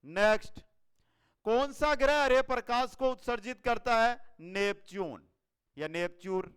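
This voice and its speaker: A man with a Rajasthani Hindi accent, an online exam-prep teacher running a fast quiz-style lesson, energetic and repeating each answer for his viewers. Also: extremely high pitch, clean tone.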